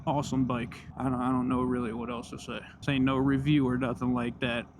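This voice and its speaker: A man's voice: medium pitch, flat delivery, fairly quick. A man giving casual, slangy, enthusiastic but laid-back commentary while riding a motorcycle outdoors. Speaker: motorcycle vlogger. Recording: loud engine and riding noise.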